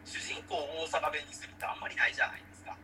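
A man from Osaka, co-hosting a casual chat and telling stories in a lively, animated way. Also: on the high side, racing, a little hiss or hum, rough recording. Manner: lively, animated storytelling with laughs.

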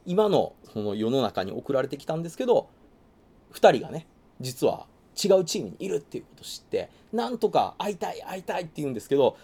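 A man in casual chat recommending a manga, animated, acting out character lines in quick funny voices. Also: medium pitch, husky.

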